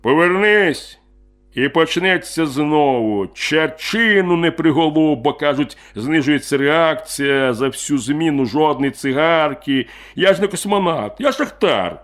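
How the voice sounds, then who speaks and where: A man voicing a bitter, hard-drinking miner of thirty who talks gruffly and heatedly. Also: a little high, animated, unhurried, fairly bright tone, voice pushed up. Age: 30s.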